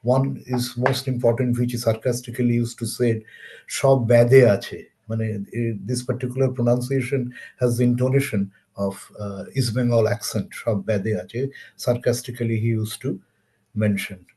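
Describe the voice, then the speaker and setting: Measured Indian man giving a lecture. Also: medium pitch, fairly even intonation, warm tone. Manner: measured, halting with pauses and fillers. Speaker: webinar speaker. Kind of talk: lecture on science history.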